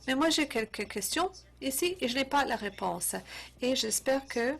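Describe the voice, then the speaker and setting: Higher-voiced woman interpreting a lecture. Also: normal speed, creaky. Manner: steady delivery with hesitations and self-corrections.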